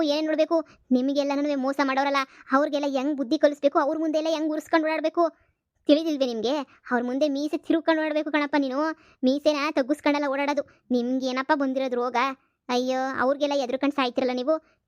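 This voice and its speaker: Lady doing a bossy young cartoon daughter, high voice, rattles it off fast. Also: no room sound, lightly acted. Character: young village daughter, sharp-tongued and wise.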